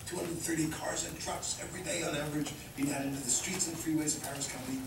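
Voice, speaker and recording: A man in a documentary interview lays out numbers and dates with precision. His film audio is played into a room and picked up from far off. It comes through heavy echo and loud noise. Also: on the high side, steady tone, quick pace. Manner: precise, fact-laden delivery.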